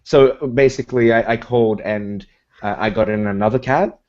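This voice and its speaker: A man's voice: medium pitch, steady tone, normal speed, darkish tone. A man chatting casually as a podcast co-host on a video call, hesitant, with many ums and restarts, and he laughs often. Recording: dull lo-fi video call audio.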